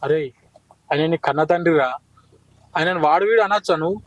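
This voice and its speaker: An actor playing a worried friend with a Telangana Telugu accent who urges the son to calm down. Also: male voice, fairly high pitch, fairly quick, no room sound, muffled recording, lightly acted. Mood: urging. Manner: pleading, cautioning. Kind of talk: village short film acting.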